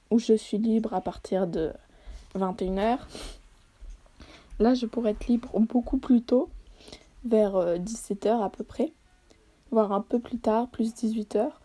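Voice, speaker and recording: A woman's voice: fairly high pitch, warm tone. A woman vlogger talking casually over a study-with-me video, self-deprecating and hesitant, with many fillers.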